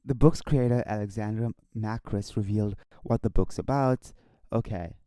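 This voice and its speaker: Low, mellow man, halting commentary. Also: no room sound. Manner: halting, repetitive, stumbling over words. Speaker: online commentary video host. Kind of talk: casual off-the-cuff commentary.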